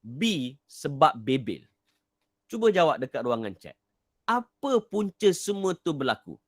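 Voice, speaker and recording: A middle-aged man from Kelantan, Malaysia, delivers a live online motivational talk in a fairly high, sing-song, unhurried voice. He repeats his key points, quizzes listeners and reads their answers from the chat. The sound is clean studio quality with no room sound.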